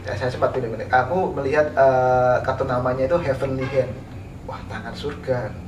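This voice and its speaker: A man from East Java, an interviewed painter, tells his life story in a casual, unhurried way with many fillers. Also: medium pitch, steady tone. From East Java, Indonesia. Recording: roomy, from a distance, faint background noise.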